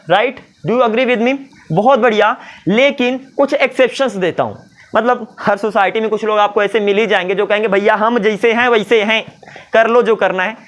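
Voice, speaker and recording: A man teaching English pronunciation in a Hindi-English video lesson, asking and answering his own questions. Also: sits high. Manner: lively, asks and answers his own questions, voices imagined students.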